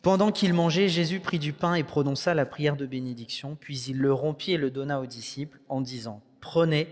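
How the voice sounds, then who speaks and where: A young man with a French accent preaching a sermon in a conversational way, with joking asides. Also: on the high side. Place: church hall. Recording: long church reverb.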